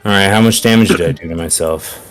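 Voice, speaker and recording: A man playing a tabletop game, talking through his turn and dice math out loud. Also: low-pitched, quick pace, soft background music. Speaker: player. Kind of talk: casual game chat.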